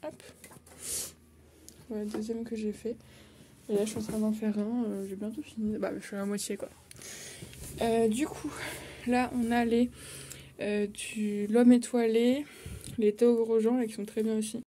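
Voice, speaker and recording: Chatty young woman, flat high voice. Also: moderate pace, pauses often, a little hiss or hum. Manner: chatty, lots of hesitation fillers. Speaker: vlogger. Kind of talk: casual bookshelf tour. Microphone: phone.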